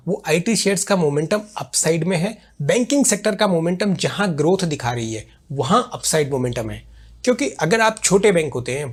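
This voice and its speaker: A man with a somewhat high-pitched voice delivers a weekly stock market analysis. He explains conversationally and pauses to think aloud. He uses simple everyday comparisons to make his points.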